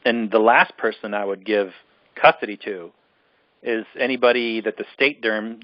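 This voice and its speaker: A man co-hosting a film review podcast rants in a casual discussion, sounding exasperated and emphatic and repeating himself to drive his points home. His voice is medium-pitched, and the audio is dull with no room sound.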